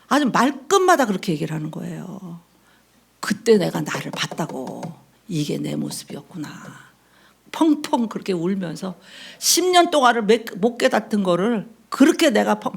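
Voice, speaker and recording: A woman pastor preaches in a chatty, storytelling way, slipping into the voices of the people she quotes and checking in with her listeners. Her voice has a gravelly edge and a husky, slightly breathy texture. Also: medium pitch. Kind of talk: sermon.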